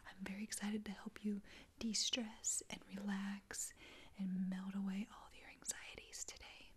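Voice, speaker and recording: A young woman in a whispered role-play as an attentive, reassuring spa attendant, speaking softly and close up. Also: mid-range voice, flat delivery, measured pace, slightly rough. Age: young adult. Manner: soft-spoken, attentive, reassuring customer-service talk. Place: small dim indoor room.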